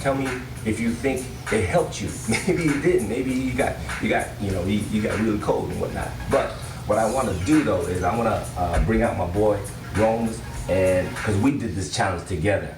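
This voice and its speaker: A man presenting a challenge in casual, informal vlog talk, speaking straight to his viewers. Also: lowish voice. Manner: informal, addresses viewers directly. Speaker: challenge presenter, popping dancer. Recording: distant mic, echoey room, music behind.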